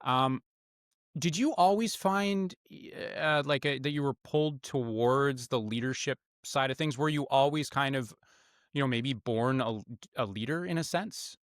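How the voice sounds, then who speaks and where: A man's voice: medium pitch, moderate pace, fairly bright tone, no echo, studio quality. Rambling male interview host. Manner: rambling, many uhs and restarts. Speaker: podcast host. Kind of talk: interview questions.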